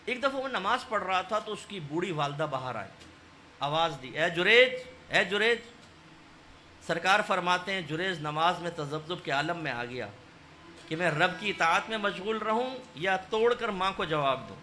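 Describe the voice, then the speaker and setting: A male Islamic preacher delivers a storytelling sermon. His voice sits high and sounds sharply bright, rising to loud exhortation and dropping to hushed narration, with a faint hiss of noise behind it. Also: animated.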